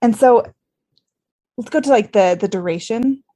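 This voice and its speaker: An American woman who is an ICU clinician hosts a podcast, conducting a conversational medical interview in an informal, earnest manner. Her voice sits on the high side and is mellow, and she speaks at a moderate pace.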